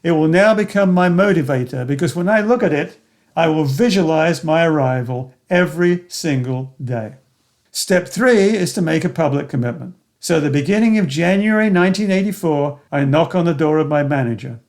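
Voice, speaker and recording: A man's voice: on the high side, lively intonation, normal speed, a little mellow. Older man narrating his memoir, earnest. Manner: earnest, reflective storytelling in the present tense. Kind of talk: scripted first-person memoir narration.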